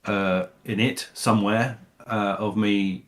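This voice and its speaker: A middle-aged man with a lowish voice talks casually in an interview. He rambles, fills gaps with "uh" and restarts his sentences. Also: fairly even intonation, slow pace. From Scotland. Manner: rambling, many fillers and restarts. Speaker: voice actor guest.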